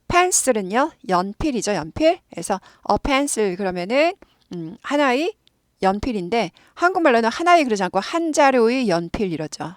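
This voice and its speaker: A woman's voice: fairly high pitch, dry recording, clean studio sound. A woman teaching an English lesson, explaining patiently and repeating words many times for learners to copy.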